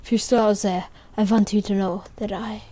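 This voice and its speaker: A woman reading a frightened survivor's note aloud in a low, quick, somber voice. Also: steady tone, warm tone, no echo, close to an everyday voice.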